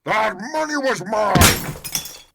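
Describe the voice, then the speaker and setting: A man's voice: high voice, lively intonation, extremely slow, exaggerated voice. An actor playing a ferocious mutant crocodile man in an audio drama, menacing and full of threats, on a noisy recording. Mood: enraged.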